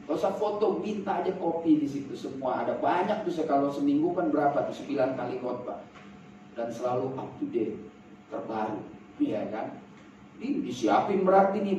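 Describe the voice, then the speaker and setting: High-voiced joking pastor in an echoey hall. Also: male voice, mellow, a little hiss or hum. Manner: jokey, switching into Jakarta slang and acted quotes. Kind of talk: sermon. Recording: very echoey hall, distant mic, dull sound.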